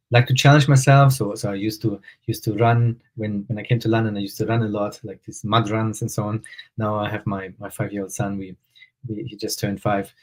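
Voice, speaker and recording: A man's voice: fairly low pitch, rough recording. A man talking casually as a guest author on a live stream, hesitant and full of fillers and restarts, joining remotely over a video call.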